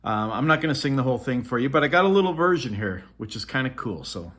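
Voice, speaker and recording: Talking fast and animatedly in a mid-range voice, a middle-aged Norwegian vlogger reminisces about his childhood. He rambles into a phone on a selfie stick, full of ums and false starts.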